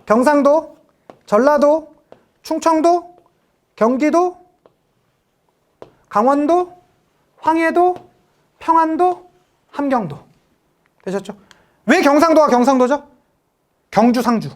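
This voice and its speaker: A woman's voice: high voice, lively intonation, takes it slowly, long pauses. A woman giving an exam-prep history lecture, firing off rhetorical questions and briefly acting out quotes.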